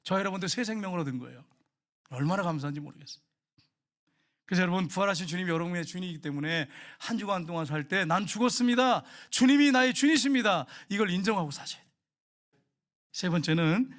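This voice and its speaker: A middle-aged man preaches in a slightly high voice. He tells everyday stories in a relaxed, colloquial way, acting out the scenes as he goes. He often turns to address his congregation directly. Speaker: pastor. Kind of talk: sermon.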